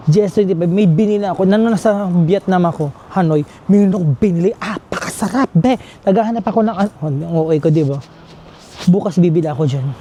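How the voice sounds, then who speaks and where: Travel vlogger, man, mellow voice, chatty and jokey, walking streets at night, faint noise on a phone mic. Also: sits high. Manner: chatty, exclamatory, joking. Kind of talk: casual walking vlog chat.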